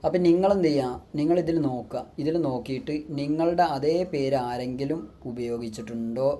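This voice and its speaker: A man's voice: mid-range voice, brisk, dark tone. A man working as a business consultant gives a step-by-step tutorial and keeps asking himself rhetorical questions as he explains.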